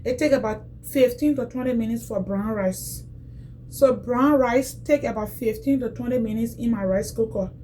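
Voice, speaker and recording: Mellow chatty woman. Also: on the high side, normal speed, slight background noise, low-quality recording. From Liberia, West Africa. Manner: chatty, repeats phrases, addresses viewers directly. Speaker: cooking vlogger. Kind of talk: casual cooking demonstration.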